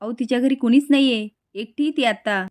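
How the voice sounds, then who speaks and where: A woman's voice: a little high, fairly quick, darkish tone, close to an everyday voice. A woman reading the lines of a scheming sister-in-law who pleads and defends herself. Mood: pleading.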